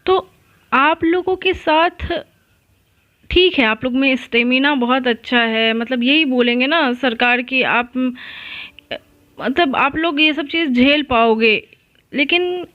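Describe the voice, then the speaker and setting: Woman with a high voice chatting to students, calm and reassuring, lots of little restarts, dry dull-sounding recording. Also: slow pace, long pauses, no echo. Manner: reassuring, chatty, frequent restarts and self-corrections. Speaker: online exam-prep educator. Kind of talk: casual advice talk to students.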